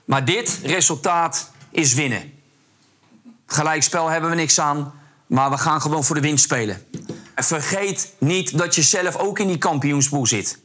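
Hesitant football coach. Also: male voice, on the high side, measured pace, no echo. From The Hague, Netherlands. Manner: hesitant with many fillers when talking, shouting loudly on the sideline. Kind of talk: documentary interview and sideline coaching.

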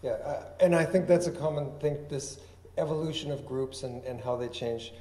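A man's voice: mid-range voice, moderate pace, mellow. A man moderating a festival panel, asking open questions in an easygoing way. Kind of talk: casual panel talk. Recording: roomy hall with faint noise.

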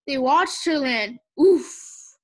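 A woman reading a children's storybook aloud, in an expressive, sing-song way. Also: sits high, normal speed. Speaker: audiobook reader.

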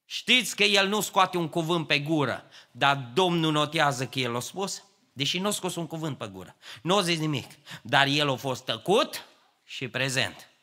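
A male pastor preaching a sermon in a church, swinging between quiet asides and raised preaching. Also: fairly high pitch, animated. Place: church hall.

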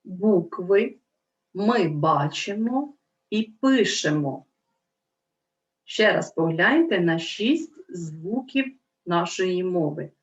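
Slow, lively woman teaching young children. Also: lowish voice, dull audio. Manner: slow, clear, sounds out vowels and letters. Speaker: primary school teacher. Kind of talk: video lesson for children.

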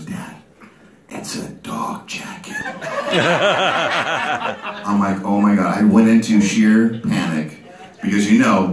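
A man in his fifties spins rambling, self-mocking stories for a live crowd and acts out the people in them. His voice sits on the low side. It rings around an echoey room and reaches the mic from some distance. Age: 50s. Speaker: artist hosting an art auction talk. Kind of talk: comic storytelling to a live audience. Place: ship's hall with audience.

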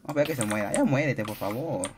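Man, gaming commentary, chatty and excitable, word bursts, noisy recording, keyboard clicks behind. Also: mid-range voice, quick pace. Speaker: gaming YouTuber. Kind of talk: live game commentary.

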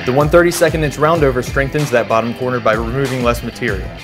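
A man delivers an upbeat product pitch at a fast clip. He sits at a mid pitch. Clear music plays under him. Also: steady tone. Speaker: product presenter. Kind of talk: scripted ad narration. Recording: background music.

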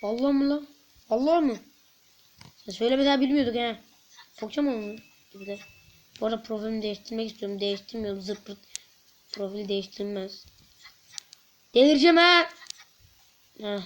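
A woman commenting while playing a video game, chatting to her viewers and bursting into frustrated shouts. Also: on the high side, fairly quick, long pauses. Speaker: gaming YouTuber. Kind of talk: let's-play commentary.

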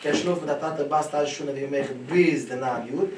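A man giving a Talmud lesson, animated, his voice rising and dropping sharply as he tells the stories. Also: on the high side, moderate pace. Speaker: Talmud teacher. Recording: echoey room, voice from a distance, clear background noise.

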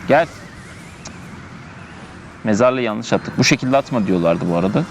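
A man with a mid-range voice gives relaxed gameplay commentary in a park, talking through his moves and frequently repeating himself. He sounds animated and speaks at a moderate pace, with a bit of background noise.

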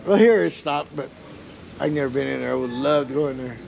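Middle-aged male guide, gravelly, slangy and easygoing, outdoor street noise. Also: mid-range voice, brisk, a little mellow. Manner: laid-back, slangy. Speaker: local tour guide. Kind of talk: casual chat. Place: outdoors in a town park.

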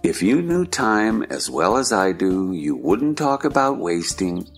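A man playing an eccentric, argumentative Hatter in a stage play dramatization, with a slow theatrical drawl. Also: fairly low pitch, very animated, soft background music. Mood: knowing, argumentative. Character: eccentric, gloomy, argumentative Mad Hatter at tea.

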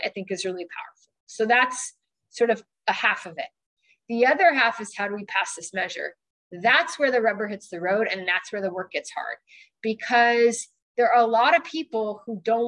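A woman's voice: mid-range voice, fairly bright tone. A woman in her forties, a county supervisor, speaking at a town hall over a video call in an earnest, urging, conversational way with fillers. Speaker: county supervisor on a transit board. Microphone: video call webcam.

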